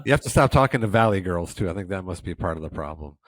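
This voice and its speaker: A man's voice: deep voice, expressive, fast. A man hosting a business interview as the editor, friendly and given to teasing asides.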